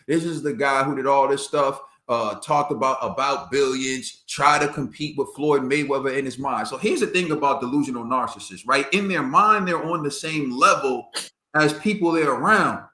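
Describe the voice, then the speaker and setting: Male podcast co-host, bright forceful voice, roomy echo, emphatic casual boxing talk. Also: medium pitch, normal speed. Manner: emphatic, animated, laughs often.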